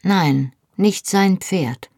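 A husky female voice tells a story in first person with measured, lightly dramatized delivery. The studio recording is close and very dry. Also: on the low side, a little mellow, no echo. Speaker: audiobook narrator. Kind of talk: scripted first-person audiobook narration.

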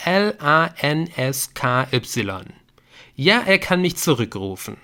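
A man voicing an excitable young man in an audiobook, talking urgently and emphatically. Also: on the high side, slow pace, voice pushed up, heavily acted. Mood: insistent. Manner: urgent, emphatic, a little brash.

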